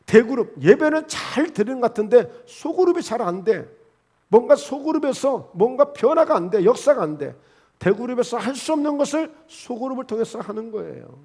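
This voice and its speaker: High-voiced pastor asking the congregation questions. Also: male voice, very animated, moderate pace. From South Korea. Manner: conversational preaching with rhetorical questions to the congregation; swings between loud emphatic lines and soft low asides. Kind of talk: sermon. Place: church sanctuary.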